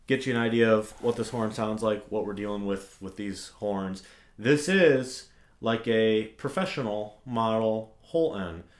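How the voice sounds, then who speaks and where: A young man giving a casual, relaxed review of a trumpet, with lots of fillers like "like" and "um". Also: lowish voice, reverberant.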